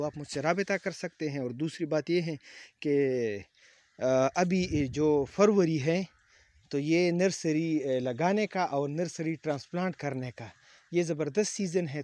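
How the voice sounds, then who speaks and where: A man's voice: a little high, a little mellow, no room sound. A man working as an agriculture advisor, walking outdoors among poplar trees and explaining to farmers with frequent hesitation fillers. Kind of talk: outdoor farm walkthrough.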